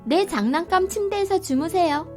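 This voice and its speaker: Woman doing a bossy little kid, high and bright, cool and cheeky, soft music behind. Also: animated, moderate pace. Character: bossy cheeky young child, Lengken. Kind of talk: storybook voice acting.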